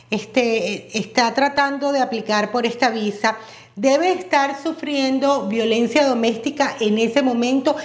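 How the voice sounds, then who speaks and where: A woman hosting a conversational interview, asking measured questions with occasional hesitation fillers. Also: fairly high pitch. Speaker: interview host. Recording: roomy sound with faint music.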